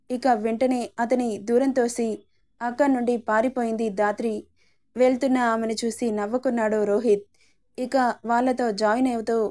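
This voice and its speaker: A woman storyteller reading a romance serial aloud in a steady storybook manner. Her voice sits a little high and has a mellow, warm tone.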